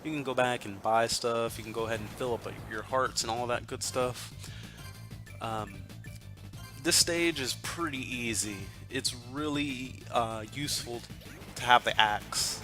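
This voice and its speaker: A man from Texas narrating his gameplay in a loose, rambling way, full of ums and casual swearing. His voice sits at an ordinary middle pitch. Clear game music plays behind him the whole time. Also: steady tone, measured pace. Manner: rambling and profane, with many fillers. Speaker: let's play host.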